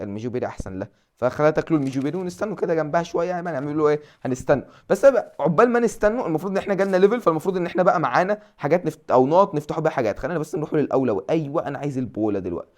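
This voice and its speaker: A man's voice: a little high, lively intonation, rapid-fire. A young Egyptian man with an Egyptian Arabic accent, chatting casually and thinking aloud as he plays a mobile game, self-mocking and full of fillers. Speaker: gaming channel host.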